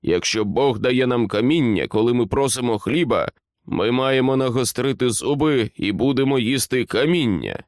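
A man reading aloud, playing a stern middle-aged general who talks in a clipped, commanding, measured way. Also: medium pitch, no echo, clean studio sound, close to an everyday voice. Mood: menacing.

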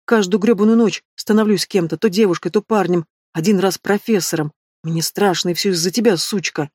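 A woman's voice: a little fast, darkish tone, breathy edge, no echo, clean studio sound. A woman voicing a spiteful young female student who shrieks insults at her rival. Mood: bitter. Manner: shrill, hissing insults.

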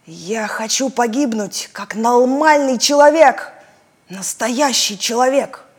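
A woman voicing a bold, resolute adventurer man with a brisk manner. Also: on the high side, a little mellow.

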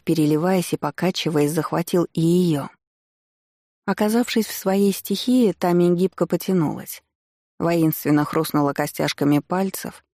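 A woman narrating a first-person audiobook in a steady, measured storytelling way. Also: fairly low pitch, no room sound, studio quality.

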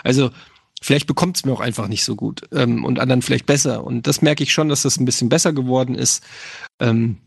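Relaxed, gravelly German-speaking streamer man. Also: mid-range voice, a little fast, dry recording, studio quality. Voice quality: slightly nasal from allergies. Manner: relaxed, rambling, many fillers. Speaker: streamer answering questions. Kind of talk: casual chat.

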